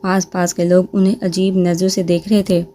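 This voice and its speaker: A woman narrating a romance novel aloud, reading every character's lines in her own voice with small lifts in pitch. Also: level tone, mellow. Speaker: novel reader.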